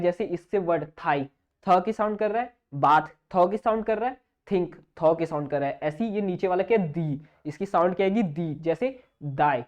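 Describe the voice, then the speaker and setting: A man's voice: on the high side, a little mellow. Guy teaching shorthand, keeps asking "right?" and answering his own questions, sound kinda dull and lo-fi. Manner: asks himself questions and answers them, keeps checking with "theek hai?"; spells out sounds slowly and repeats example words. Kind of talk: online exam-prep lesson. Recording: dull lo-fi recording.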